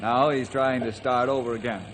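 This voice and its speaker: A man's voice: medium pitch, steady tone, moderate pace, close to an everyday voice. Man acting Ranger Bill, kindly American ranger, noisy recording. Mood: earnest, persuasive. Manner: earnest, folksy, reassuring. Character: kindly, earnest ranger in a western, fatherly helper. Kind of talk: old-time radio drama acting. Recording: noisy old radio drama recording.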